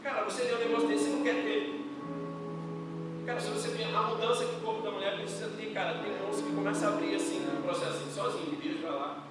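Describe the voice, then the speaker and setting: A young Brazilian man preaching a youth service sermon in slangy, casual speech that builds to loud, impassioned delivery. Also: high-pitched, fairly even intonation, quick pace. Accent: Brazilian Portuguese. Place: church hall. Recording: roomy church hall from far off, music behind.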